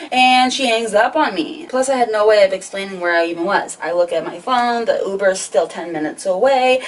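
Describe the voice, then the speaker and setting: A young woman vlogger telling a wild story in casual storytime style, swearing often and animated. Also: medium pitch. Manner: profane, animated retelling. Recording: voice a bit distant from the mic.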